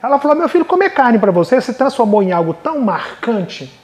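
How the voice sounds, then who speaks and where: A woman's voice: fairly high pitch, sing-song, brisk, a little mellow, roomy sound. A man voicing a mother who patiently and earnestly explains things to her young son. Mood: tender, proud.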